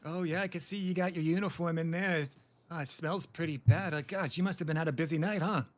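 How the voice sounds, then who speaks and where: High-voiced man running a roleplay scene. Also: steady tone, brisk. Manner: chatty, rambling, slips into panicky comic yelping. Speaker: interviewer running a roleplay scenario. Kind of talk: in-character game roleplay.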